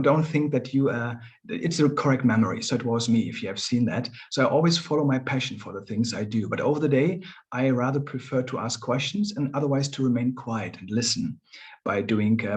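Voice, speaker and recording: A man's voice: mid-range voice, darkish tone. Friendly man presenting a webinar. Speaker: coach and former manager. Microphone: video call.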